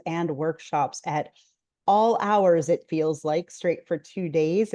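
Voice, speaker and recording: A woman's voice: deep voice, mellow, dry recording. A woman hosting an interview over a video call, upbeat and promotional as she introduces her guest. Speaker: host.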